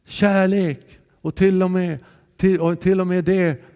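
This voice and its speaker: Male preacher, higher-pitched, earnest sermon delivery, long church reverb. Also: clear, resonant tone. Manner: calm, earnest, shifting between soft and raised voice.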